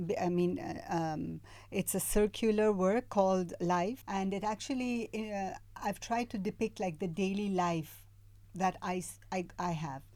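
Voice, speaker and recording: A middle-aged woman from Iran, a guest artist, speaking hesitantly with many pauses in casual interview chat. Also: medium pitch, mellow, no room sound. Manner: hesitant, many fillers and restarts.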